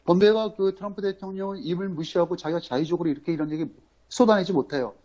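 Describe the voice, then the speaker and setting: A man from Incheon hosting a political livestream, talking in a rambling, halting way full of fillers and emphatic rhetorical questions. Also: sits high, dark tone. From Incheon, South Korea. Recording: dull lo-fi audio.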